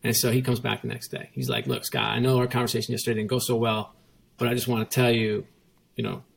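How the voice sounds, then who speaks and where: Talking fast in a mid-range, creaky, slightly rough voice, a man who once ran a company recounts a story as an interview guest. The conversation is casual, and he's emphatic, repetitive, and keen on quoting others as well as himself.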